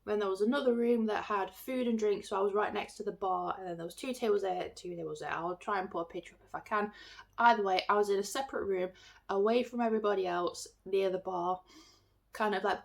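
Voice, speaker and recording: A woman's voice: medium pitch, steady tone, brisk, creaky. An English woman with a bunged-up, swollen-throat sound, chatting casually and ramblingly to her phone as a self-deprecating vlogger. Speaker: artist and craft market seller vlogging. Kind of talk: casual chat to camera. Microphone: phone filming.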